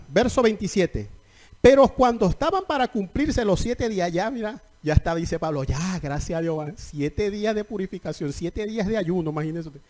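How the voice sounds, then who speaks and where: A man preaching a sermon in a lively, colloquial way, acting out scripture scenes as he teaches. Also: high voice. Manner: animated, colloquial, acts out scripture quotes.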